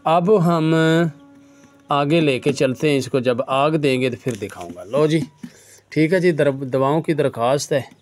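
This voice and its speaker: Over soft background music, a man with a medium-pitched voice talks a little slowly as he shows how to prepare an herbal remedy. The herbalist's Urdu carries a Punjabi influence, and he casually calls viewers brother, often saying "bhaijaan" and "lo ji."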